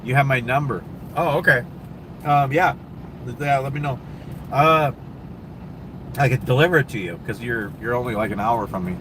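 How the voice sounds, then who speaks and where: On a low-quality recording with slight background noise, a man with a Minnesota accent hosts a laid-back livestream from a truck stop with traffic and air conditioning. His mid-range voice is fairly bright and moderately paced, broken by long pauses. He rambles through viewer questions full of ums and restarts.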